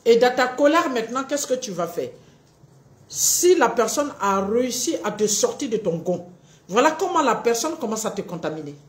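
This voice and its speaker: Woman, relationship coach, live-stream talk, acts out both sides, lively swooping pitch, roomy echo. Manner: animated, acts out both partners in quick little dialogues.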